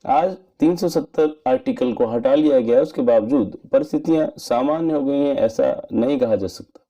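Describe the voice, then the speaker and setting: A man giving an earnest, measured spoken movie review in formal wording. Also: medium pitch, mellow. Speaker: film reviewer.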